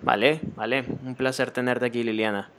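A man hosting a podcast interview, asking questions in a relaxed conversational way and often saying "vale" and "ok". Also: medium pitch, normal speed. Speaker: podcast host.

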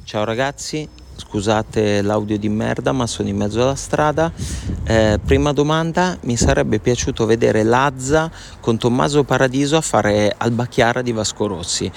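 A man co-hosting a podcast in a relaxed, slightly rambling chat. He is heard on poor-quality audio recorded out on the street. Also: medium pitch, moderate pace, gravelly, slight background noise. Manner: relaxed, a little rambling, with hesitant fillers. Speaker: podcast co-host. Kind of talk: casual chat. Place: outdoors in the middle of a street.

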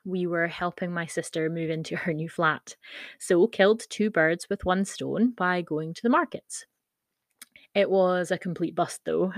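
A woman's voice: deep voice, no echo, clean studio sound. A woman in her thirties with a Scottish accent, hosting a podcast and reading her own personal essay in a wry, playful way. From Scottish Highlands. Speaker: podcast host.

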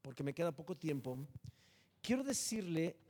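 A man preaching a sermon as pastor, animated and joking, swinging between loud and hushed. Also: a little high, normal speed.

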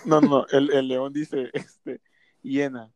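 A man's voice: mid-range voice, flat delivery, slow pace, darkish tone, no echo. A young man with a Mexican Spanish accent, co-hosting a casual podcast, joking and teasing and laughing often. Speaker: podcast co-host.

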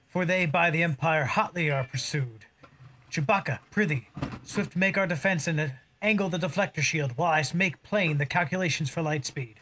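An actor playing a cocky, roguish young smuggler captain, delivering boastful Shakespearean verse. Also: male voice, on the high side, bright, forceful tone, a little hiss or hum. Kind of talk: audio drama acting in verse.

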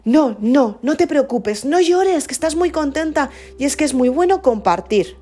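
A woman's voice: sits high, lively intonation, moderate pace, dark tone, pitched above the performer's own voice. Woman doing a soothing mother's voice. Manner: soothing, coaxing. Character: gentle mother comforting a small child.

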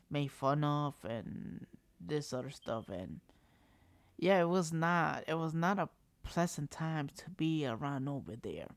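A vlogger in his thirties, with a fairly high, clear and resonant voice and no echo, tells a personal story for his video series. He rambles frankly, leaning on "trust me" and "like" with occasional mild cursing, indoors at home while construction noise goes on nearby.

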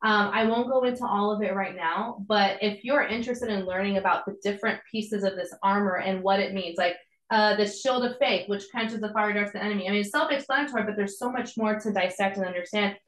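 A woman with a mid-range, fairly bright voice speaks fairly quickly. She's a podcast host and church planter giving an earnest, conversational devotional teaching with casual asides, recorded in an echoey room.

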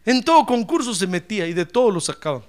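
A man's voice: high-pitched, sing-song, quick pace. A man preaching a sermon as pastor, calling out praise and addressing listeners as brother. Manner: fiery preaching, shouting praise.

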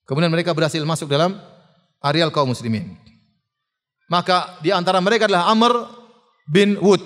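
A man giving a religious lecture, telling a story in a lively way, with fillers and laughs. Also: high-pitched. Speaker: preacher. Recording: long hall reverb.

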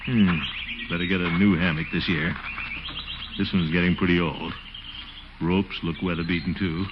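A man playing a pompous, easily flustered bachelor uncle in 1940s radio comedy style, muttering to himself and squealing high when rattled, on a muffled, hissy old radio broadcast. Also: steady tone, moderate pace, natural voice. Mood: drowsy musing. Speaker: radio sitcom lead.

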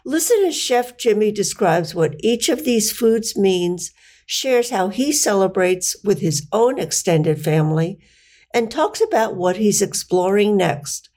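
Woman, podcast host, mid-pitched, measured read-aloud delivery. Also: lively intonation, a little mellow. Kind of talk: scripted intro, then interview questions.

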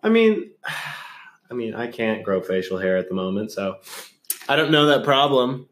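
A nineteen-year-old man co-hosting a podcast in a casual comedic chat, deadpan and going along with the joke. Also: mid-range voice, a little slow. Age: late teens. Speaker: podcast co-host.

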